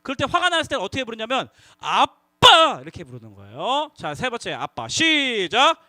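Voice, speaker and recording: A man preaching to middle schoolers as their youth pastor, lively and coaxing the audience to call out together. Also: very high voice, fast talker, dry recording. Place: church youth worship hall.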